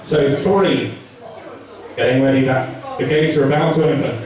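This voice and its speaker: A man's voice: medium pitch, normal speed, heavy background noise. A man working as a stage hypnotist at a live show, giving repetitive, commanding suggestions to volunteers. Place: large indoor stage show venue. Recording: echoey hall, distant mic, loud music. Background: loud music.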